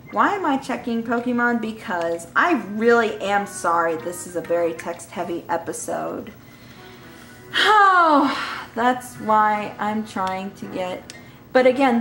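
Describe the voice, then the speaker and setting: A woman's voice: medium pitch, a little slow, fairly bright tone, roomy sound, faint music behind, low-quality recording. Giggly woman doing game commentary. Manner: giggly, apologetic, rambling. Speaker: gaming channel host. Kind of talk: let's play commentary.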